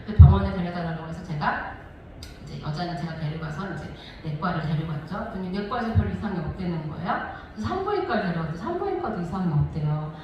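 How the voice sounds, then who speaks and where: A woman in her forties, a missionary telling her testimony as a sermon, lively and laughing often as she tells the story. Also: lowish voice, fast talker, far from the mic, lo-fi sound, noisy background. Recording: echoey hall, voice from afar.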